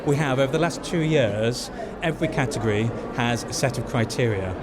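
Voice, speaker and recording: Before an awards ceremony, the man who heads the judging gives earnest interview answers at the event venue, explaining his points and repeating them for emphasis. His voice is mid-range and brisk. The busy venue fills the recording with noise.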